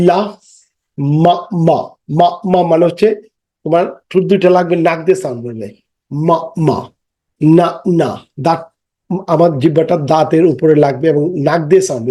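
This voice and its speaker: A man teaching children an English lesson. He chants rhymes and sounds slowly, stretches each word and explains patiently. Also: on the high side, mellow. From Bangladesh. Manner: explains patiently, mixing English into his speech.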